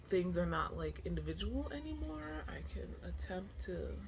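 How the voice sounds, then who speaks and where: In a chatty, informal video diary, a middle-aged book vlogger talks candidly at a moderate pace, her medium-pitched voice very animated. The recording picks up clear background noise and room ambience.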